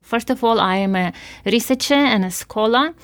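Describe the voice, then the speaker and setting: A woman who teaches and researches physics talks easily in an interview, friendly and light. Her voice sits fairly high, and it is recorded close and dry with no room sound. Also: moderate pace, no room sound. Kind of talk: casual interview talk.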